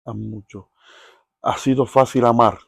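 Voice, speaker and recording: Gravelly-voiced podcast host, dry sound. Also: male voice, medium pitch, fairly even intonation, moderate pace, no echo. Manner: earnest, often adds tag questions. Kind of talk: interview podcast.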